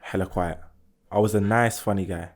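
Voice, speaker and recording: A man's voice: on the low side, fairly even intonation, moderate pace. A man in his twenties with a London roadman accent, co-hosting casual banter in short, slangy, repeated bursts. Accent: London urban roadman slang accent. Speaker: podcast co-host.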